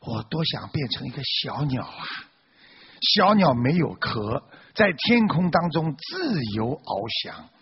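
A man's voice: a little high, very animated, a little slow, husky, full character voice. A man voicing a turtle that complains about its heavy shell. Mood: wistful. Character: grumbling turtle that hates its shell. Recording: dull lo-fi recording.

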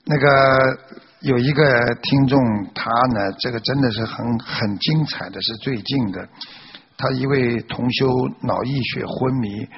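A man's voice: mid-range voice, a little slow, slight background noise. A man preaching a moral sermon, exhorting listeners and telling a fable. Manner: animated, exhorting. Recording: dull lo-fi recording.

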